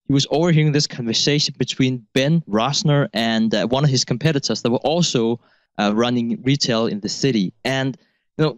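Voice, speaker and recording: A man's voice: mid-range voice, no room sound. Amused male podcast co-host. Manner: amused storytelling, laughs mid-sentence. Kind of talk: casual podcast discussion.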